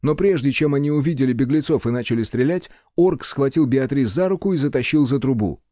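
A man narrating an action story in a measured, dramatic reading. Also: mid-range voice, mellow, no room sound, clean studio sound. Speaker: audiobook narrator. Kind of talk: scripted narration.

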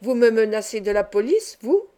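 A woman's voice: on the high side, moderate pace, warm tone, close to an everyday voice. A woman reading an audiobook and voicing a sly, cruel master of children who talks in a honeyed, mocking way. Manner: honeyed, mocking, with sudden threats. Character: sly, cruel middle-aged man, a child-exploiting master.

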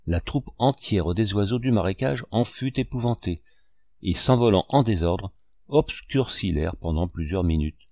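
Deep-voiced man reading a novel. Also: a little mellow, dry recording, studio quality. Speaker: narrator. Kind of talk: audiobook narration.

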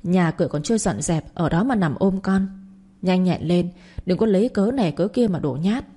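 A woman voicing a bossy older mother-in-law who scolds in a shrill, accusing voice. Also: expressive, normal speed, warm tone, slightly rough. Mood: scolding. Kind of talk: audio story reading.

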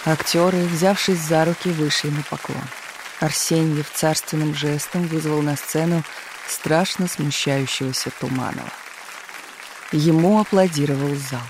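A narrator reading a novel aloud in scripted narration with an even storytelling delivery. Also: mid-range voice, a little slow, crowd noise, noisy background. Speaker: audiobook narrator.

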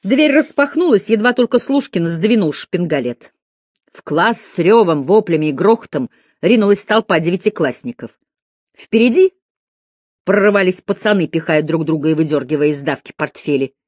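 A woman reading a story aloud as narrator, with a lively, expressive delivery. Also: fairly low pitch, normal speed, no room sound, studio quality. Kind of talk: audiobook narration.

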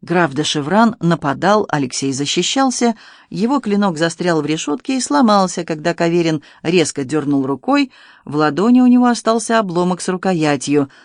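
Brief: steady audiobook narrator, mid pitch, dry close studio sound. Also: normal speed, dry recording. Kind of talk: scripted narration.

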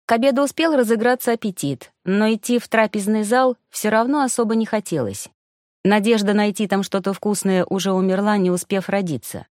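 Audiobook narrator: woman, mid pitch, even wry delivery, dry booth sound. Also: brisk, no room sound. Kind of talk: scripted narration. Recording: dry close studio sound.

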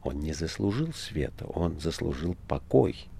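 Мужчина озвучивает сурового, озлобленного ученика-аскета, говорящего с горечью, в аудиокниге. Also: male voice, low-pitched, animated, moderate pace, a little mellow, husky, exaggerated voice. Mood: bitter. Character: stern, pleading male disciple, ascetic. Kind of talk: audiobook reading.

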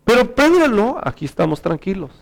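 A man playing a patient father who quietly reassures his frightened son. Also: sits high, very animated, fairly quick, gravelly, voice pushed up, exaggerated voice. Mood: gentle, calm. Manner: soft, hushed, reassuring.

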